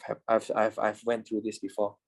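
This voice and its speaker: He speaks in a lowish monotone at a moderate pace, with vocal fry. He's a trading instructor in his twenties wrapping up a relaxed online class, swearing, saying things twice, and often checking "you know?"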